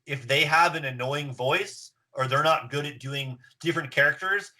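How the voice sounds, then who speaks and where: A man's voice: on the high side, normal speed, pushed and bright. A man chatting casually on a podcast in a blunt, slangy, sweary way. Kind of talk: casual chat.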